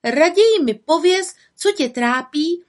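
A woman voicing a kind, cheerful young girl witch in a storybook reading, lively and coaxing. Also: extremely high pitch, voice pushed up.

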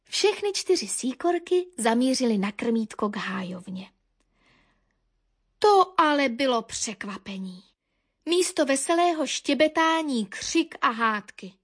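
A woman narrating a children's animal story with a lively, expressive reading. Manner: lively expressive reading, dropping low for asides.

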